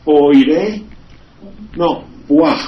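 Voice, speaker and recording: A man's voice: on the high side, extremely slow. A man with a Mexican Spanish accent hosting a radio talk show, giving digressive, sardonic political commentary full of asides and wordplay. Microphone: studio microphone. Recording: slightly dull lo-fi radio recording.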